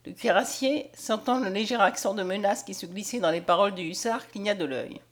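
A woman narrating a classic novel in a measured storytelling manner. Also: medium pitch. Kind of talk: audiobook narration.

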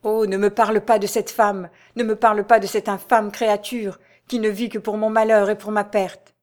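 A woman's voice: mid-range voice, level tone, moderate pace, darkish tone, close to an everyday voice. Woman voicing a desperate young nobleman. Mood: pleading. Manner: pleading, exclamatory. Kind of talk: audiobook character voice.

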